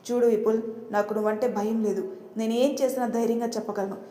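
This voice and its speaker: A woman voicing a stern middle-aged father who talks back loudly and proudly in a storybook reading. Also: on the high side, fairly even intonation, fast, lightly acted. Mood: defiant. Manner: loud, proud and scolding. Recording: roomy with long reverb.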